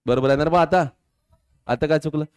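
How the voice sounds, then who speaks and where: A male physics teacher, lecturing a class, quizzing students and slowly dictating formulas. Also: on the high side, darkish tone, clear, resonant tone.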